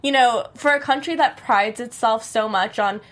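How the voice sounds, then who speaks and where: A woman's voice: a little high, moderate pace, a bit bright. A woman co-hosting a casual group discussion, opinionated and leaning heavily on "like" fillers. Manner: opinionated, heavy use of "like" fillers. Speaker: podcast co-host.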